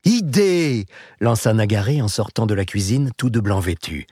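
A man reading a novel aloud as the narrator, in a measured, even storytelling manner. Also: lowish voice, husky, no echo, clean studio sound. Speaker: audiobook narrator. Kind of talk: scripted narration.

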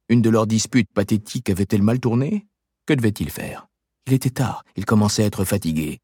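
A man narrates a novel in a low voice. His intonation moves widely through the sentences. The recording is very dry and close. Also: dark tone, husky, no room sound. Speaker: audiobook narrator. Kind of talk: scripted narration.

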